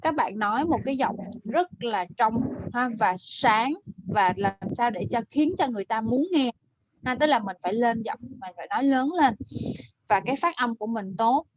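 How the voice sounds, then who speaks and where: A woman teaching an online English class over a video call, correcting pronunciation and modelling words slowly. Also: fairly high pitch, animated, a little hiss or hum.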